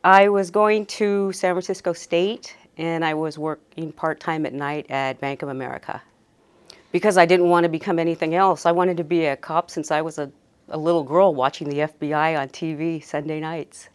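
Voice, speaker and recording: An older woman speaks earnestly about a lifelong wish to be a police officer. Her voice is low and smooth. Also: fairly even intonation, normal speed. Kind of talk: documentary interview.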